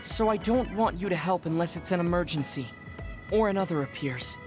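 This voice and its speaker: In an English game dub, a performer with a natural, mid-range voice and lively intonation plays a psychic who is decades old but in a child's body. The character speaks formally, precisely, and in a measured way, earnest and determined, proud yet insecure, with music behind the voice.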